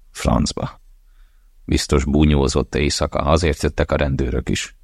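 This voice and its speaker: A man with a very deep voice narrates an audiobook in a steady, measured way. The recording is dry and close, with no room sound. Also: no room sound. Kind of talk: scripted narration.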